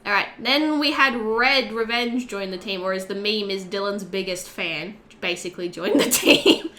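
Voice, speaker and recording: Bright-voiced chatty woman podcast host. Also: medium pitch, moderate pace. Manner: chatty and animated, frequent "like" fillers. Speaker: podcast co-host and community co-leader. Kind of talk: casual podcast chat.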